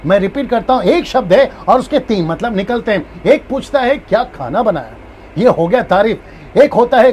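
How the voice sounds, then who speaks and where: Over a slight background noise, a man with a high voice leads a live-streamed Bible lesson as a pastor. He's animated, slipping into different acted tones and repeating the main points.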